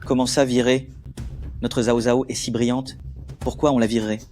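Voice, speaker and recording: A man's voice: medium pitch, flat delivery, moderate pace, a little mellow, faint music behind, close to an everyday voice. A middle-aged man dubbing a father who defends his daughter, sounding indignant. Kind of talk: French drama dubbing.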